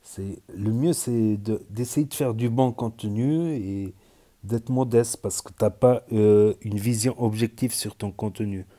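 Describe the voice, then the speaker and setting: A man's voice: on the low side, measured pace, dark tone. A man with a southwestern French accent, rambling casually with frequent hesitations as he comments on social media stories. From southern France.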